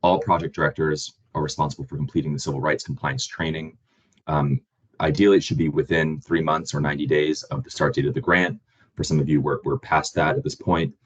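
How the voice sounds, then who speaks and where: A man with a very deep, husky voice hosts an online presentation, hoarse from a cold. He talks in a plain, halting way with many ums. The call audio is dull and lo-fi. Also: fairly even intonation. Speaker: webinar host and grant manager.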